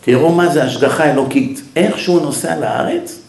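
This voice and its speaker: A rabbi tells a story in a Torah lecture, his voice pitched a little high for a man. He acts out the lines of each person in his tale. The room around him has a clear echo. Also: a little hiss or hum. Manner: animated storyteller who acts out the dialogue. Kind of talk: storytelling sermon.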